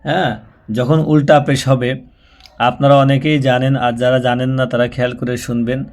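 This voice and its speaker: A man's voice: mid-range voice, level tone, a little mellow. Patient man teaching recitation. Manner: patient, repetitive, slows down and draws out syllables when demonstrating. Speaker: Quran reading teacher. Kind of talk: spoken tutorial, spelling out and chanting syllables.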